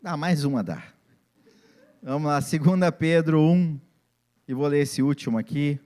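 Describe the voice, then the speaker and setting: A man's voice: on the high side, a little slow, mellow. A man, preaching a sermon as pastor and acting out family scenes in different voices.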